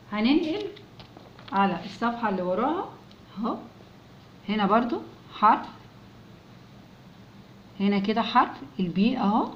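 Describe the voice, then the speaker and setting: A woman with an Egyptian Arabic accent leads a lesson for young children at a middle pitch. She is patient and says each word slowly, more than once, so the children can repeat it. The recording sounds a little dull and lo-fi. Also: a little hiss or hum. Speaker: English teacher.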